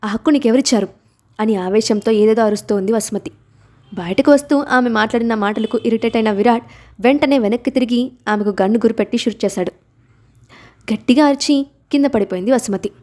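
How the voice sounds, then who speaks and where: A woman narrating a serialized novel in a dramatic, steady storytelling manner. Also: a little high, a little fast.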